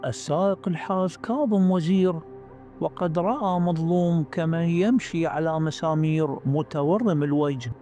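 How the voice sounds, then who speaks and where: A man with an Iraqi accent narrating a story in measured literary Arabic. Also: a little high. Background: faint background music.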